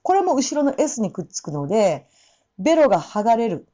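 Woman coaching pronunciation, lively pitch. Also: brisk, muffled recording. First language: Japanese. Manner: demonstrates sounds by singing and repeating them. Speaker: English singing pronunciation teacher. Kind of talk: casual spoken lesson.

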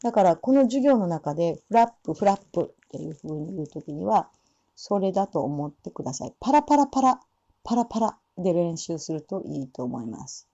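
A woman teaching English pronunciation, repeating phrases slowly and pausing on fillers as she demonstrates sounds. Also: fairly low pitch, animated, vocal fry, warm tone, slightly rough, dull audio. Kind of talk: spoken lesson with demonstrations.

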